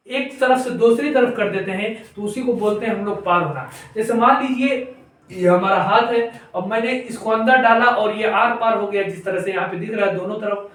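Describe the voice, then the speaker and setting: A man teaching an English grammar lesson at a whiteboard, his voice fairly high. He spells each word out letter by letter before explaining it at an unhurried pace. He sounds a little distant from the camera, and the bare room adds heavy echo. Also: a bit bright. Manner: spells words out letter by letter, then explains slowly. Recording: very echoey room, voice off-mic.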